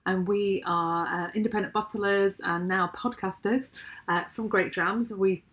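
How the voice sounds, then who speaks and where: A woman co-hosting a relaxed podcast at a mid-range pitch. She speaks thoughtfully and chattily, filling pauses with little ums and uhs as she gathers her thoughts. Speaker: podcast co-host. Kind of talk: casual podcast chat.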